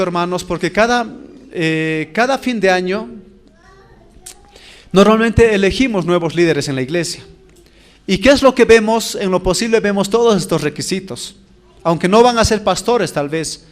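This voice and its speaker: A man preaching a sermon as pastor, animated and acting out the voices in his Bible stories. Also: high voice.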